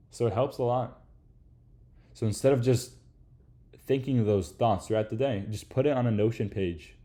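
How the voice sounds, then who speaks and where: Male creator-coach, relaxed lecture delivery, lowish warm voice, casual and a bit profane. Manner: laid-back, slangy, swears casually, peppers speech with "like" and "right?". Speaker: YouTube creator giving advice.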